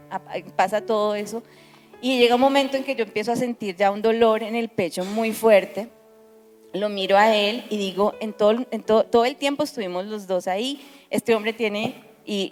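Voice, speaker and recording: Woman telling a story in an echoey hall. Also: medium pitch. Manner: animated storytelling, frequent restarts. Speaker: pastor. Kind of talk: testimony at a church service.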